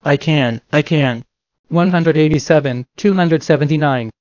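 A man's voice: fairly high pitch, normal speed, darkish tone, no echo, dull audio. An older man teaching a bowling class in a classroom, talking emphatically and answering his own questions. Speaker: bowling coach. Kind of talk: classroom lecture. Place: classroom with a projector screen.

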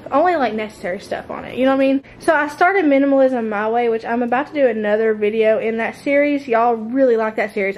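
Poor audio with a little hiss or hum captures a woman's voice on the high side. She is a homemaking vlogger from the United States, holding the camera at arm's length and chatting casually and ramblingly indoors in the open-plan living room and kitchen of a mobile home.

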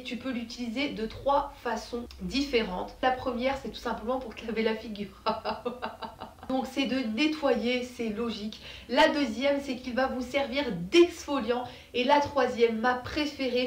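A woman's voice: on the high side, reverberant, distant mic, a little hiss or hum. A French woman chatting casually as a beauty vlogger, bubbly and full of fillers. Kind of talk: casual chat to camera.

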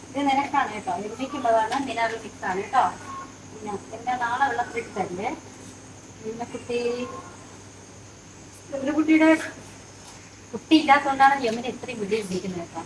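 A woman running a farm vlog who coos fondly to a cow and then explains things to her viewers, recorded in a cow shed. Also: mid-range voice. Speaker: dairy farm vlogger. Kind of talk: casual farm vlog chat. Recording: echoey, mic far off, noisy farm.

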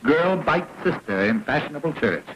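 An actor playing a wry, mock-pompous gentleman in early talkie film style, on a noisy vintage soundtrack. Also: a little high, very animated, normal speed. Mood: joking. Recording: old film soundtrack with clear noise.

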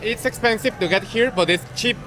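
A man's voice: high voice, a little fast. A man, a tourist, giving brief, plain answers in a street interview.

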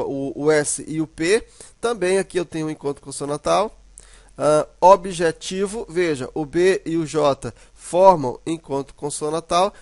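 Gravelly teacher explaining grammar. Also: male voice, fairly high pitch, dry recording. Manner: repetitive, checks in with "né" and "ó"; points at examples on a board.

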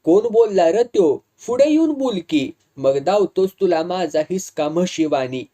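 A man voicing a hot-tempered, boastful village wrestler who talks in a rough rustic way and threatens people. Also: fairly high pitch, unhurried, mellow, lightly acted. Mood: angry. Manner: blustering, threatening, rustic speech.

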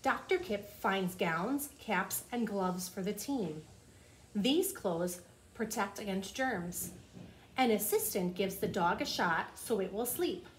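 This forties-aged woman speaks slowly, her medium-pitched voice full of lively intonation. She reads a children's nonfiction book aloud in a small office, teacher-style, keeping explanations simple for young listeners. The room ambience is noticeably noisy.

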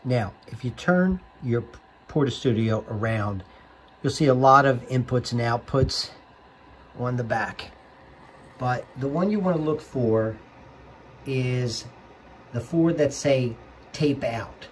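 A tutorial host with a mid-pitched male voice walks the listener through instructions step by step, speaking slowly and deliberately. His delivery is plainspoken yet expressive, and the recording carries a little hiss or hum.

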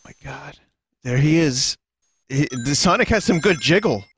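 A man's voice: on the high side, expressive, normal speed, fairly bright tone, a little hiss or hum. A man doing casual, joking commentary on games as a streamer, amused and sweary. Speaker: game streamer. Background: game music.

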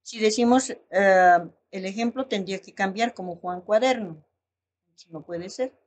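A woman teacher talks through a lesson at an unhurried, measured pace. She spells things out deliberately, pausing on fillers and reading out lists of example words one by one. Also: mid-range voice, slight background noise. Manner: slow, deliberate explanation with fillers and careful word lists. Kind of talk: recorded online language lesson.

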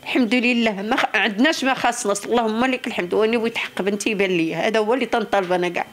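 A woman's voice: mid-range voice, very fast. An older Moroccan woman making a tearful, repetitive, pleading appeal in an interview. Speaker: bereaved mother interviewed. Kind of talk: emotional plea to camera. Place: small living room indoors. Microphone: handheld reporter's microphone.

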